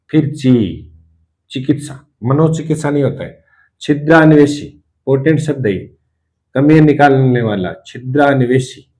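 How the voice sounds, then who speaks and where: A male Hindi lecturer giving a spelling lesson, explaining patiently and repeating each word slowly. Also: mid-range voice, darkish tone. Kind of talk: classroom lesson on correct spelling.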